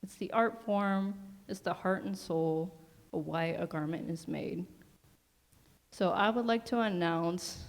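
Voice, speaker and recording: Slow-paced woman emceeing a fashion show. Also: fairly low pitch. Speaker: awards presenter at a fashion show. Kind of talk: fashion show emcee addressing a live crowd. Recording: echoey hall, faint crowd noise. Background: crowd and event ambience.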